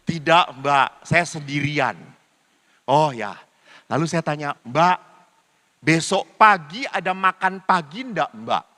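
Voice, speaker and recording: High bright-voiced older priest preaching. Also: male voice, animated, slow pace. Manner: storytelling, mimics dialogue with voice changes. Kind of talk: humorous sermon with acted anecdotes. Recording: reverberant hall sound.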